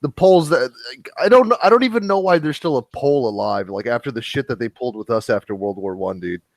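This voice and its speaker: A man's voice: medium pitch, lively intonation, quick pace, no echo. A man from Germany hosting a casual podcast chat, blunt and profane, laughing often.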